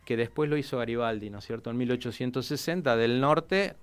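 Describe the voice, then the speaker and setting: A historian speaks on a radio interview with a smooth, clear voice at a middle pitch. He tells stories with lively energy and often restarts his sentences. He sounds like a guest explaining history in a studio conversation. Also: a little fast. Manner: animated storytelling, many restarts.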